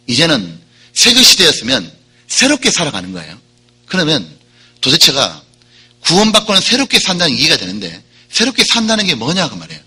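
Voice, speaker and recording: Brief: male pastor, bright, forceful tone, lively swinging pitch, emphatic preaching. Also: slightly rough. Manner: animated, emphatic, rising to loud repeated appeals. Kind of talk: sermon.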